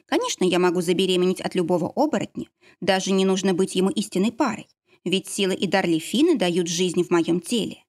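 A woman narrating a first-person story in an expressive, emotional reading. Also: fairly low pitch, a little fast. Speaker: audiobook narrator.

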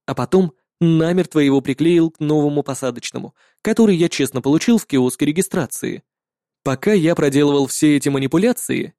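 Male audiobook narrator, raised pitch with a mellow, darker tone, calm and matter-of-fact. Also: no room sound, clean studio sound. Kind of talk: first-person audiobook narration.

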